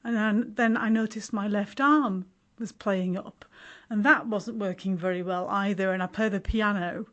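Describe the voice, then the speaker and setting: A woman's voice: mid-range voice, moderate pace, a bit bright, dull audio. Wry Yorkshire woman in her forties. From West Yorkshire, England. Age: 40s. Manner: wry, self-mocking, often laughing. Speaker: interview guest. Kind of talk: casual interview chat.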